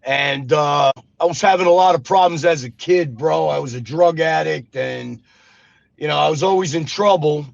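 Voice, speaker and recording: A man's voice: a little high, moderate pace, gravelly, no room sound. A man, an interview guest telling his life story in a casual, street-talking way. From Brooklyn, New York. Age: 50s. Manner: street-talking, says "brother" and "you know what I mean". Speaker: interview guest, former gangster. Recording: dull dry lo-fi sound.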